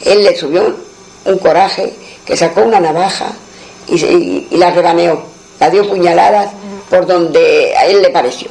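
A man's voice: sits high, normal speed, vocal fry, darkish tone, low-quality recording. A man telling a traditional folk tale in a rambling way, full of asides and restarts. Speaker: storyteller.

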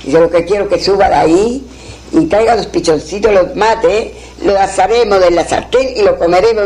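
A woman's voice: mid-range voice, darkish tone, rough recording. A woman telling an old folktale aloud, repeating phrases in a rhythmic, spoken way. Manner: repetitive, rhythmic retelling with quoted dialogue. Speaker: storyteller.

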